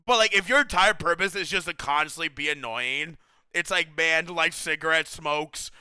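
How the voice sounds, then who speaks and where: Excitable high-voiced young male streamer. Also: normal speed, smooth, dry recording. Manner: excitable, slangy, says bro a lot, laughs often. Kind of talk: casual chat with stream viewers.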